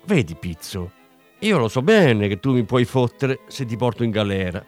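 A man's voice: fairly high pitch, big pitch swings, normal speed, faint music behind, pitched above the performer's own voice. A man voicing an angry police officer who delivers cold, cutting threats. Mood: cold menace.

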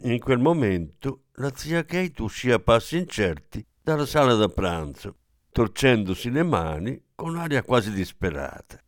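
A man narrating a literary novel as an audiobook, measured and expressive. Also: mid-range voice, no room sound, studio quality. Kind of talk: audiobook reading of literary fiction.

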